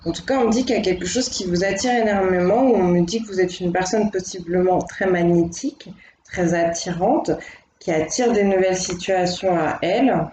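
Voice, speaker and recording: A woman doing a relaxed tarot reading in a slightly low voice, thinking aloud and reassuring her listeners. Her voice rings in an echoey room, with faint noise in the background. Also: moderate pace. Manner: thinks aloud, gentle and reassuring, many fillers. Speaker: tarot card reader. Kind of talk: casual spoken tarot reading.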